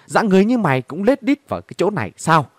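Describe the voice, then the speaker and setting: A man's voice: on the high side, big pitch swings, moderate pace, a little mellow, dry recording, studio quality. A man voicing a brash, scornful young woman in a bar, talking in a coarse, mocking way.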